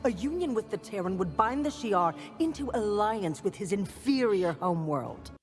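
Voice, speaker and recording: Casting: woman as cartoon alien royal villainess, haughty, theatrical, scheming, widely swinging pitch. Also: animated, moderate pace, lightly acted. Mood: disdainful. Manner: imperious, biting, theatrical. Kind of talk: animated series voice acting.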